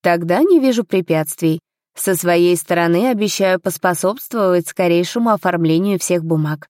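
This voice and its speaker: A woman's voice: lowish voice, normal speed, a little mellow, no echo, lightly acted. A woman reading an audiobook, voicing a formal, courteous male noble investigator in close to her own voice.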